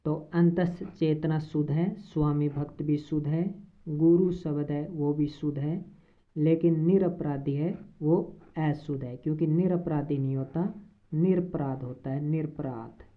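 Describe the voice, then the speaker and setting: A low-pitched woman teacher talks slowly and carefully through an exam-prep lesson, repeating each word after she reads it. The sound is thin and tinny, like it is coming over a phone line. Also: fairly even intonation.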